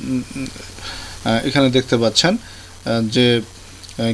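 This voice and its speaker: A man explaining a language lesson in a tutorial, pausing often with fillers and restarting his sentences. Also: mid-range voice. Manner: hesitant, many fillers and restarts. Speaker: language teacher. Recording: faint background noise.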